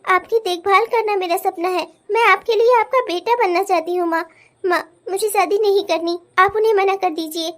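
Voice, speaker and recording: A woman's voice: very high-pitched, fairly even intonation, normal speed, fairly bright tone. A woman voicing a dutiful, self-sacrificing elder daughter in a dramatic cartoon, speaking earnestly and pleading.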